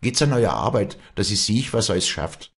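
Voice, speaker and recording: A man's voice: fairly low pitch, animated, moderate pace, slightly rough, pitched above the performer's own voice. A man voicing a proud young peasant woman who now runs her farm, speaking firmly in rural dialect. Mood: stern. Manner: firm, commanding, in rural dialect.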